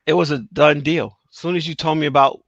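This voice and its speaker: A man's voice: a little high, steady tone, quick pace, gravelly, a bit bright, no echo. Earnest middle-aged man telling his story. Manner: earnest, testimonial storytelling with emphatic repeats. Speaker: host. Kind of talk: casual interview talk. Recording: dry, slightly dull sound.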